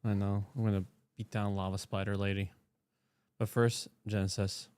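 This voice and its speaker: Smooth-voiced man reading aloud on stream. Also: fairly low pitch, moderate pace, no echo. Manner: animated, joking asides while reading aloud. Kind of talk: casual gaming chat and scripture reading.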